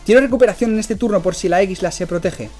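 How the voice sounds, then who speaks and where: A young man with a Spain Spanish accent, a streamer giving live commentary on his own game, excitable and chatty, breaking into high yells and laughs. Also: fast talker, soft background music. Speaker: streamer and guest instructor.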